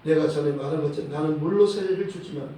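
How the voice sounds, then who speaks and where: A man's voice: a little high, dark tone, slight background noise. Man preaching in an echoey church. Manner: measured preaching, dotted with "예" and quoted verses. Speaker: pastor. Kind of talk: sermon. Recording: echoey hall, voice from a distant mic.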